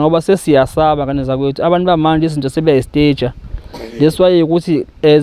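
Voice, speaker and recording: Hosting for a community aid organisation, a man delivers a spoken introduction and interview, code-switching with some English words. He speaks fast and smoothly with a Zulu accent, in a fairly high, mellow voice.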